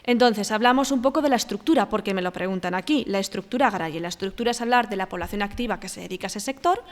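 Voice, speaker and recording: A woman teacher with a Spanish accent from Spain explains exam answers step by step. She pauses on fillers and keeps checking that her listeners follow. Her voice has a long reverb trailing behind it. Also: medium pitch. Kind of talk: exam walkthrough lesson.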